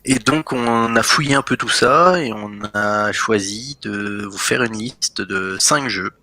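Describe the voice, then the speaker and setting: Very bright, low-pitched man. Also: slow. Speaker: co-host. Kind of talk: casual live stream presentation.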